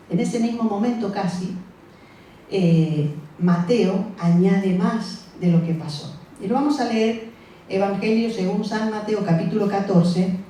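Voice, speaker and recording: A woman's voice: medium pitch, dark tone, distant mic, slight background noise. Woman preaching in an echoey church hall. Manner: conversational, acts out the disciples' voices, asks the congregation questions. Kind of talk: sermon.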